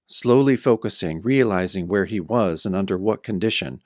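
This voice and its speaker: Voicing a moody young werewolf, a man tells his story in first person, in the wry, dramatic style of classic radio drama. His natural voice sits on the low side with lively intonation and a moderate pace, recorded dry at studio quality.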